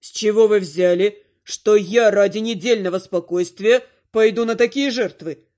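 Brief: woman voicing a pushy, cunning son-in-law, loud and blunt, storybook reading. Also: mid-range voice, normal speed, voice pushed down, lightly acted. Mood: smooth. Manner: barking, forceful outbursts. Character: brash, scheming son-in-law, forceful and loud. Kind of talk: audiobook character voice.

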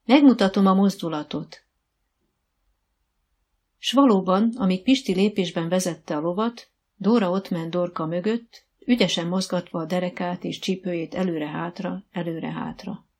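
A woman narrating a children's audiobook in steady, warm storytelling. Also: on the low side. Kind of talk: scripted narration.

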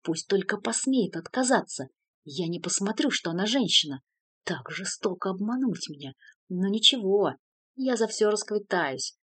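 A woman voicing a hot-tempered young male count who shouts in a raised, high voice. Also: animated, moderate pace, husky, no echo. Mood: angry muttering.

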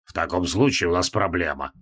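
A man reading an audiobook, voicing a weary, sardonic male demon prisoner in a low, subdued drawl. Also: a little fast, fairly bright tone, breathy edge.

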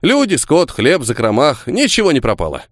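Man voicing a retired sergeant, older servant, earnest, soldierly folk speech, lively, dry close sound. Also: on the high side, moderate pace, no echo, pitched above the performer's own voice. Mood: dutiful report. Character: retired male army sergeant, old servant, deferential.

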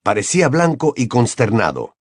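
Expressive male audiobook narrator. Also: medium pitch, normal speed, dry recording, clean studio sound. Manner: expressive, dramatic reading. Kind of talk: scripted narration.

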